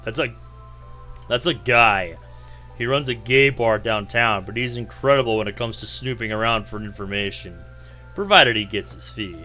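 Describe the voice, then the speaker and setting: Brief: cocky scornful young guy, read by a man, bright and tense. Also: fairly low pitch, normal speed, faint music behind. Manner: reading game lines aloud, scornful. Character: sharp-tongued young man, dismissive and cocky.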